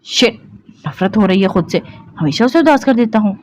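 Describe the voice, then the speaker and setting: A woman's voice: medium pitch, lively intonation, lightly acted. A woman voicing a hot-tempered young husband. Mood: self-reproach. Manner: sharp, irritable.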